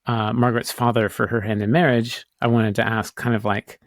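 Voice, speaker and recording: A man's voice: medium pitch, level tone, a little fast, no room sound, clean studio sound. A man from the United States co-hosting a podcast, talking in a casual, hesitant, rambling way with many restarts. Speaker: podcast co-host. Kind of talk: casual chat.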